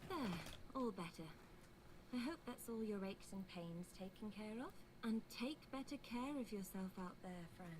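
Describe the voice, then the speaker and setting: An actress playing a polite, caring brothel madam who runs a medieval bathhouse in a video game. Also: female voice, mid-range voice, expressive, moderate pace, noisy background, close to an everyday voice. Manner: polite, businesslike madam addressing customers. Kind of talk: video game role-play dialogue.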